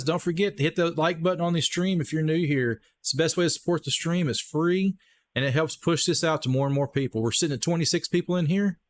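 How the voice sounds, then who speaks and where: A man with a Texas accent doing casual live play-by-play for a stream, chatty and upbeat, talking straight to his viewers. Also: fairly high pitch. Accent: Texan. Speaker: livestream play-by-play host. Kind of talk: live play-by-play commentary with chat shout-outs.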